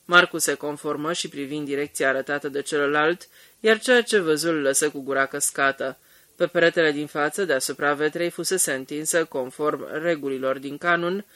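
A man narrating an audiobook in a steady, measured reading. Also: fairly high pitch, no echo. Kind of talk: scripted narration.

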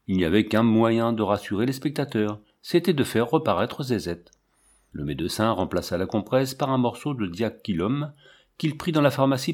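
A man reading a novel aloud with measured, steady storytelling delivery. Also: on the low side. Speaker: audiobook reader. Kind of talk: scripted narration of a novel.

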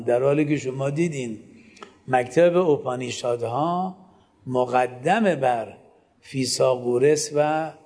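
A man's voice: medium pitch, a little mellow. A man giving a classroom lecture, often asking the class a question and then answering it himself, with direct instructions to his students. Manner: poses rhetorical questions and answers them himself.

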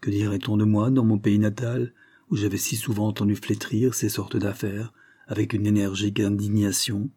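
A man narrating a classic novel in a measured, even first-person reading. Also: on the low side, husky, dry recording, studio quality. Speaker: audiobook narrator. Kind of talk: scripted storybook narration.

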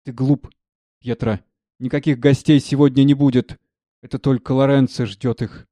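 A man doing a sharp-tongued, mocking servant. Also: mid-range voice, steady tone, moderate pace, no echo, natural voice.

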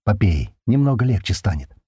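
A man voicing a rough young male captive who talks in brotherly slang, in an audiobook. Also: fairly low pitch, sing-song, normal speed, mellow, no echo, clean studio sound, full character voice. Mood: gentle.

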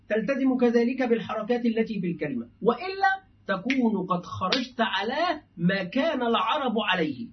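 High-voiced sheikh lecturing from afar. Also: male voice, slight background noise. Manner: explanatory, acts out dialogues with a student. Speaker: sheikh teaching a book. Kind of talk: classroom lecture on Arabic linguistics. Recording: distant muffled lecture recording.

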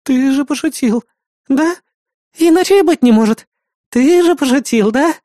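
Reader putting on a squeaky bratty young woman, whiny and bossy, jumps all over, audiobook. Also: expressive, normal speed, warm tone, no room sound, clean studio sound. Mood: panicked. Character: brash childish young woman, a major.

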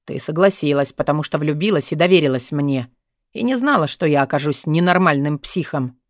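Lowering her register, a female narrator voices a dominant, brooding male character whose lines land tired yet firm, delivered calmly and with measured weariness. It's a dry, close-miked recording without any room around it.

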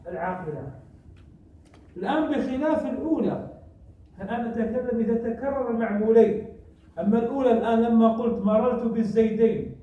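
A man teaching a classroom grammar lesson, often quizzing his students with short questions and repeating example sentences slowly. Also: extremely high pitch. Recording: echoey, distant, phone-like recording.

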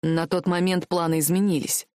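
A woman voicing a young male prince who is calm, self-assured and teasing, for an audiobook. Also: fairly low pitch, normal speed, dry recording, studio quality, voice pushed down, close to an everyday voice. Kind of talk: audiobook character voice.

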